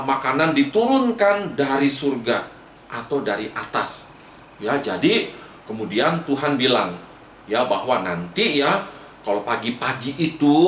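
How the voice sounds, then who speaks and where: A man with an Indonesian accent teaches a children's Sunday school lesson as a pastor. His storytelling is lively, and he keeps asking the children questions. The echoey room carries faint background noise. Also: medium pitch, far from the mic.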